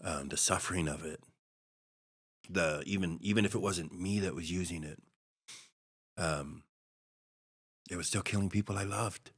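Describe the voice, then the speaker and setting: As a guest on a podcast, a middle-aged Hawaiian man shares a personal story in a deep, somewhat bright, husky voice. His telling is reflective and halting, full of restarts.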